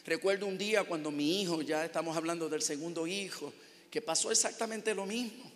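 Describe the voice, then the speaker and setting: A middle-aged man, a pastor, giving an earnest testimony with halting, repeated words. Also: fairly high pitch. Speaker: pastor and businessman. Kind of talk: testimony in a sermon. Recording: long hall reverb.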